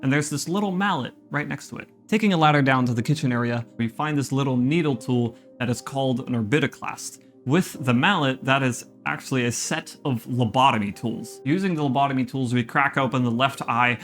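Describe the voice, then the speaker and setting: A man in an attic narrates a scripted video essay on a game, in a mid-pitched voice with music playing behind him. His delivery is informal, slipping into casual, slangy asides between the prepared lines. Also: brisk, few pauses, a bit bright. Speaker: video game lore commentator. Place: attic room at home. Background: background music.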